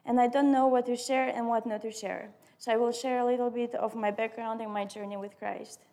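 A woman's voice: a little high, fairly even intonation, a little fast, mellow. A woman in her early twenties with an Albanian accent, a non-native English speaker reading her personal testimony aloud. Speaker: student sharing testimony.

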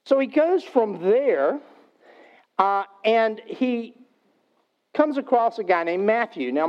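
High-voiced man preaching conversationally. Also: lo-fi sound. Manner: conversational, paraphrasing scripture in everyday speech. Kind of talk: sermon storytelling.

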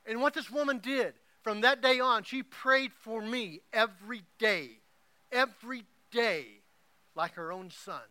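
A middle-aged man from Oklahoma preaching a sermon, telling an emotional story that swings from hushed to loud. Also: very high-pitched, a little slow, dry recording. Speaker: pastor.

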